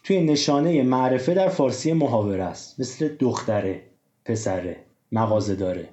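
In an animated, dark, mid-range voice, a man leads an informal discussion on the rules of Persian writing, leaning on plenty of examples and hesitant filler words. The audio is lo-fi, dull, and roomy.

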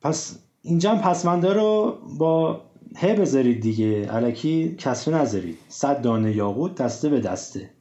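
Man, host, explanatory, mellow voice, echoey room. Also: medium pitch, expressive, hardly any pauses. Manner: explanatory, gives examples, hesitant fillers. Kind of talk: casual discussion of Persian writing rules. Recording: roomy, dull lo-fi sound.

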